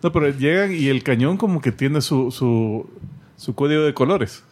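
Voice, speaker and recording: A man's voice: mid-range voice, moderate pace, a little mellow. A man in a casual movie review chat, laughing often and swearing freely as he retells scenes.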